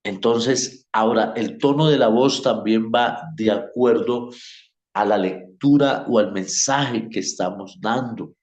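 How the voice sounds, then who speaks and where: A man teaching a homiletics class at church, speaking in a conversational way with frequent pauses and fillers. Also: fairly low pitch, a little mellow, reverberant.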